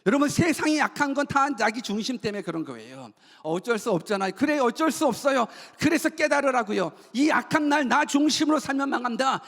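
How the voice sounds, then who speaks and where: Man, pastor, sermon, very high voice, rhetorical questions, long church-hall echo. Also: sing-song, a little fast, fairly bright tone. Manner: asks the congregation many rhetorical questions; leads call-and-response repetition. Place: church sanctuary.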